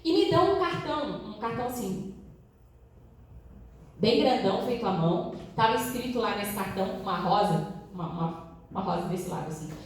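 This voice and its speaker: A woman's voice: mid-range voice, lively intonation, moderate pace. A middle-aged woman telling a personal story to a conference audience, acting out voices and her own crying. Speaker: speaker at a conference. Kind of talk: storytelling talk. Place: large conference hall. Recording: echoey hall from far off.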